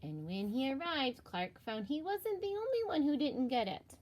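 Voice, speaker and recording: A woman teacher with a high-sitting voice reads a children's storybook aloud expressively, placing deliberate emphasis on her words.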